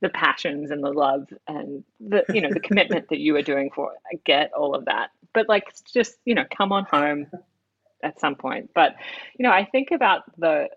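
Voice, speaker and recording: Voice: medium pitch, expressive, moderate pace, vocal fry, breathy edge. Teasing Australian host, lo-fi sound. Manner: reminiscing, playful teasing, frequent restarts. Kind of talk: casual chat. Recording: dull lo-fi recording.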